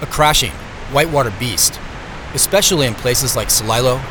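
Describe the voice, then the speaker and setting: In a literary audio drama, an American-accented actor voices a thoughtful man recounting his road trip in measured narration. His voice is natural and medium in pitch, heard against some background noise, and the mood is reflective and wistful.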